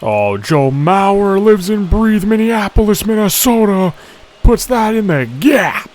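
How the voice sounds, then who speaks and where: A young man giving excitable play-by-play commentary on a video game, shouting on big hits and muttering quieter asides. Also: high-pitched, slow. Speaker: gaming YouTuber.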